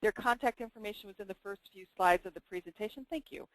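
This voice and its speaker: A woman's voice: mid-range voice, fast, fairly bright tone, no room sound, rough recording. Webinar host lady wrapping up, keeps tripping on words, mid voice, dry. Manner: tongue-tied, stumbling over words. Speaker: webinar moderator. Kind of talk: webinar closing remarks.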